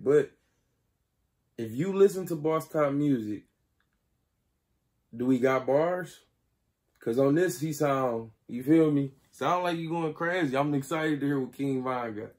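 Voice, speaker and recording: A young man hosting a reaction video, talking casually in slang, excitable and often checking in with his listeners. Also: medium pitch. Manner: slangy, excitable, keeps asking "you feel me".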